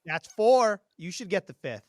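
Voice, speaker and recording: A man's voice: sits high, big pitch swings, moderate pace, no room sound. Friendly man with a dry, close sound. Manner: friendly, easygoing, laughs often. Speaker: podcast host. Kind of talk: casual sports podcast chat.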